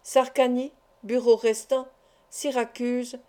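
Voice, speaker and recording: Warm-voiced woman reading a novel. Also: on the high side, flat delivery, takes it slowly. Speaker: audiobook reader. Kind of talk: scripted novel narration.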